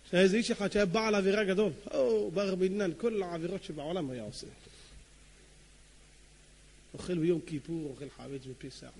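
A male preacher with a high voice delivers a sermon. He tells stories theatrically, acting out the scenes with animated energy and joking asides. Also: breathy edge. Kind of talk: sermon with dramatic storytelling.

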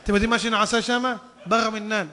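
A man, a rabbi, telling stories in a sermon, swinging from hushed tones to impassioned shouting. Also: high-pitched, level tone, background noise. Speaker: rabbi preacher. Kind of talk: storytelling sermon. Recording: long hall reverb.

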